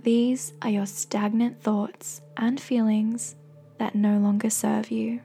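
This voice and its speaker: A woman with a soft, breathy voice gently and slowly guiding a meditation in soothing, encouraging scripted narration. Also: on the high side, little pitch movement. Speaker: guided meditation host.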